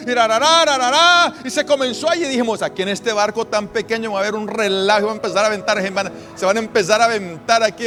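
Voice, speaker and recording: A man preaching a sermon as a pastor, telling stories with emphasis and drawn-out pauses. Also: extremely high pitch, a bit bright.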